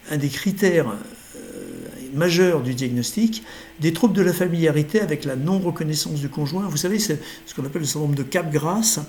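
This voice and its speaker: Middle-aged lecturer, fairly high voice, hesitant with fillers, some faint background noise. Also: male voice, a little mellow. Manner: hesitant, many fillers and self-corrections. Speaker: lecturer in neurology. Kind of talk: recorded lecture over slides.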